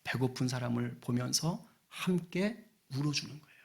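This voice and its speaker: A man, the senior pastor, preaching a sermon with animation, acting out people's prayers and dropping to hushed asides. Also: medium pitch, lively intonation, normal speed, creaky.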